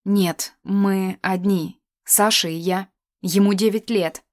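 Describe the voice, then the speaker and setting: A woman reading an audiobook, voicing a gentle young woman who soothes a younger girl. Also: mid-range voice, steady tone, slow, lightly acted. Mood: soothing. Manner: soothing, tender. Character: gentle young woman, older sister figure.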